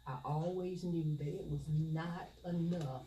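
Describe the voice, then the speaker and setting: A middle-aged woman, speaking as a judge in an interview and explaining in a measured, formal way. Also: low voice, fairly even intonation. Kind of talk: interview answers. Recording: echoey room, distant mic, loud noise.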